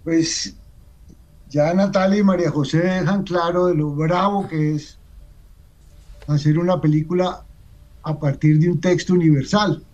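A man speaking as a guest on a radio panel, emphatic and rhetorical, often checking in with a quick "right?". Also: a little high, fairly even intonation, darkish tone, lo-fi sound. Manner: emphatic, rhetorical questions, repeats "¿sí?".

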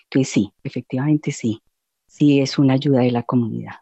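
Middle-aged woman guest, earnest and reflective, dark mellow tone, dry dull recording. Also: very deep voice, normal speed, creaky, husky, dry recording. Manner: earnest, reflective, with many fillers. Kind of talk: personal testimony interview.

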